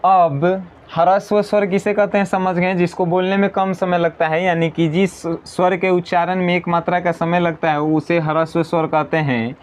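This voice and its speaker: Man, high-pitched, exam-prep grammar teacher, repeats definitions, asks and answers his own questions. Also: level tone, moderate pace, hardly any pauses.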